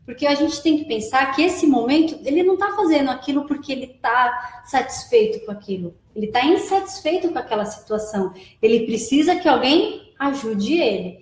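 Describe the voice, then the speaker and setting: Woman guest, high voice, explains and repeats key points, roomy echo. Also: animated, a little fast, hardly any pauses, a little mellow. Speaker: guest, preschool operations director. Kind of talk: live advice chat. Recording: echoey room.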